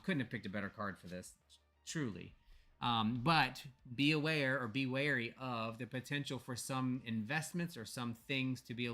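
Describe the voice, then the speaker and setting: Man, American accent, bright tone, casual tarot reading, playful, lots of ums. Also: medium pitch. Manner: playful, reads cards aloud with frequent ums. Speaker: podcast co-host reading tarot. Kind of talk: casual livestream chat.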